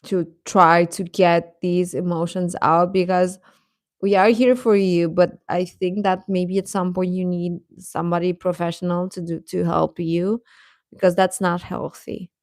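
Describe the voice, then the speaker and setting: Hosting a livestream, a woman chats casually and gives viewers conversational advice, often hesitating and correcting herself. Her voice is fairly low, level in tone and unhurried. The sound is clean studio audio with no room sound.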